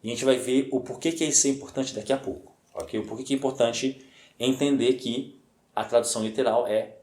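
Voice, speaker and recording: A man with a Brazilian Portuguese accent teaching a spoken lesson. He is patient, repeats his points, checks in often, and slows down to stress each new word. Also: medium pitch, fairly even intonation, a little mellow, echoey room. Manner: slows down and stresses Japanese words. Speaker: language teacher.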